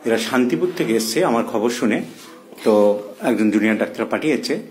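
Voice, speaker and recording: A man's voice: medium pitch, lively intonation, a little fast, darkish tone, a little hiss or hum. Man doctor talking through a case. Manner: explanatory, thinks aloud, repeats key terms. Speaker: doctor teaching case taking. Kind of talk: clinical teaching demonstration. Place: clinic consulting room.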